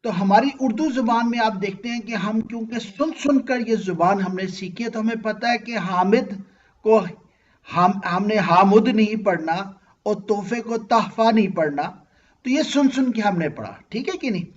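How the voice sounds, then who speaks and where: Male teacher, patient and questioning, fairly high voice, slightly dull call audio. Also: moderate pace. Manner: patient, asks students questions and checks understanding. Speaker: Arabic grammar teacher. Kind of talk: online interactive class.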